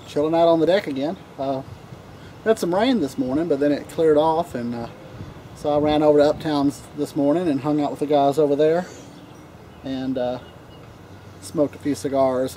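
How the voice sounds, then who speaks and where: Southern male vlogger, slightly high, mellow tone, easygoing ramble, faint outdoor hiss. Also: moderate pace. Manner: relaxed, rambling, frequent fillers. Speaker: cigar vlogger. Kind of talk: casual chat to camera. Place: outdoor deck, breezy.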